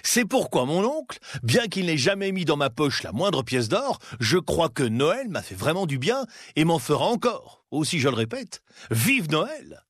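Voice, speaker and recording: A man voicing a cheerful, warm-hearted young nephew who speaks with enthusiasm. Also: on the high side, big pitch swings, slow pace, hardly any pauses, no room sound, voice pushed up, heavily acted. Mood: earnest.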